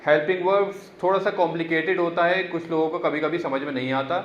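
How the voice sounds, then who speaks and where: Man teaching English slowly. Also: a little high, steady tone, roomy sound, muffled recording, a little hiss or hum. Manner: slow, careful example sentences for learners. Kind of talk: online spoken-English lesson.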